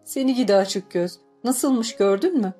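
A woman's voice: lowish voice, expressive, normal speed, darkish tone, soft background music, natural voice. A woman reading an audiobook voices a playful old grandmother who murmurs and scolds in fun. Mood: teasing.

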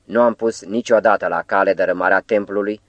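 A man reading a hoarse, meek prisoner. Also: on the low side, fairly even intonation, no room sound, lightly acted. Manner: meek, eager answers. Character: frightened humble young male prisoner. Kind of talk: audiobook character reading.

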